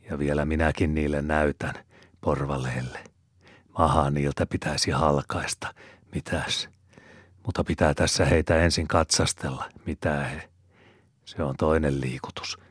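A sly, grumbling old storybook father who mutters half under his breath, voiced by a male reader. His voice is very deep and husky. The recording is close and dry. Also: dry recording.

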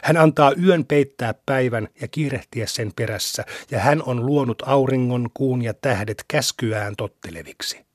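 A man reading scripture aloud in a measured, deliberate way, with his phrase ends trailing off breathy, on a close studio mic. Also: mid-range voice, no echo. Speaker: scripture reader.

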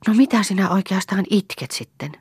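A woman's voice: medium pitch, a little mellow, slightly rough, no echo, clean studio sound, pitched above the performer's own voice. A woman reading an older widow in an audiobook, curious and mildly reproachful.

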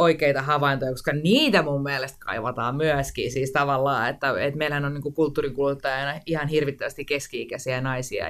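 Chatty guest, woman in her forties, casual interview talk, many fillers and false starts. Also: very deep voice. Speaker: guest, screenwriter and director.

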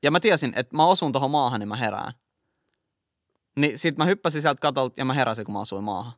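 A man's voice: mid-range voice, animated, fairly bright tone, no echo, clean studio sound. A man co-hosting a casual chat podcast, reading from an article and recounting his own dreams. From Finland. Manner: reads article excerpts, then tells dreams animatedly. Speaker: podcast co-host.

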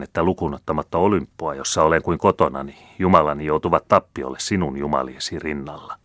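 A male audiobook reader voicing a suave aristocratic count who speaks with smooth, condescending irony. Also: extremely low pitch, fairly bright tone, no echo, studio quality. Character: suave aristocratic count, coolly mocking diplomat.

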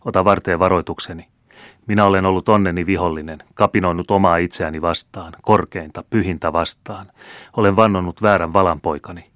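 A man's voice: low voice, fairly even intonation, a bit bright, dry recording, studio quality. A man voicing an aging proud general who speaks to his son in a grave, impassioned way, read as an audiobook character. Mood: fervent.

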